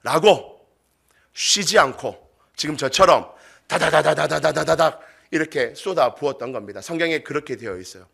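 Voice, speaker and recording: A male pastor, preaching a sermon at a youth worship service in an animated storytelling way, often questioning the congregation. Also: medium pitch, fairly quick.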